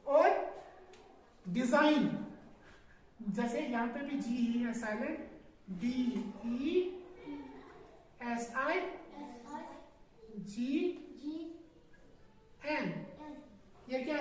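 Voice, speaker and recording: Woman teacher spelling words out loud and asking the class again and again, slow, recorded far away in a really echoey room w faint hum. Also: a little high. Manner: spells words letter by letter and quizzes with repeated questions.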